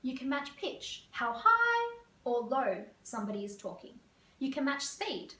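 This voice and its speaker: A woman career coach from Australia, explaining interview tips to camera in a fast, lively way. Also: on the high side. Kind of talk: teaching to camera. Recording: echoey room, voice a bit far.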